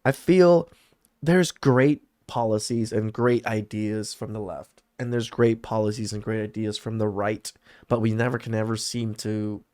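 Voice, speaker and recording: A man hosting a podcast, reacting to clips in a measured, easygoing way and thinking aloud. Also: lowish voice, a little mellow. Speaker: podcast host. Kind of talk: casual reaction commentary.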